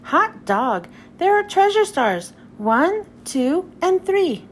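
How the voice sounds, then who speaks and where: A woman's voice: very high voice, sing-song, takes it slowly, a little hiss or hum, voice pushed up, exaggerated voice. A woman voicing a cheerful, eager male cartoon mouse space captain in a children's storybook. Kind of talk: children's storybook read-aloud.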